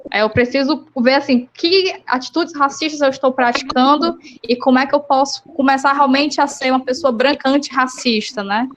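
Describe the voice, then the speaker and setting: A woman's voice: high voice, normal speed, few pauses, background noise. A woman hosting a casual panel chat, earnest and steering the conversation, often checking in with "né?". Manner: earnest, guiding the talk, frequent "né?". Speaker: podcast host.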